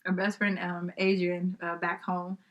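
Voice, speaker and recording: A woman's voice: on the low side, monotone, a little slow, highs cut off. A young adult woman, a podcast guest, telling a story in casual chat, acting out the voices of the people she quotes and laughing often.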